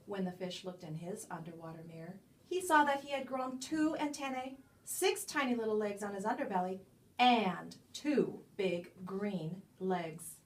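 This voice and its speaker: A woman with a mid-pitched voice reads a children's picture book aloud, a little way from the microphone. Her intonation is lively and expressive as she leans on key words and pauses for drama.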